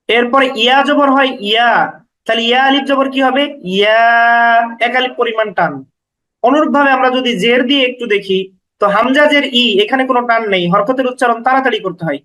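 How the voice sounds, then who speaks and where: This low-quality recording captures a step-by-step lesson on recitation rules from a man with a forceful, bright, very high voice. He patiently takes the rules in turn, going over each point again and elongating the example sounds, and he keeps even throughout.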